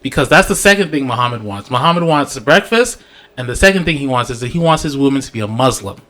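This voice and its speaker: A man giving casual, joking commentary on a reality show, animated and laughing often. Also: mid-range voice, fast. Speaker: vlogger.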